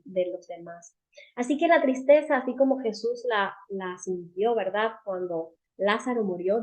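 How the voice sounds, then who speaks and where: Woman speaker, warm, slightly high voice, earnest devotional teaching that speaks straight to her listeners. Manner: earnest, asks the audience rhetorical questions; addresses listeners directly as friends and sisters. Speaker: women's seminar speaker.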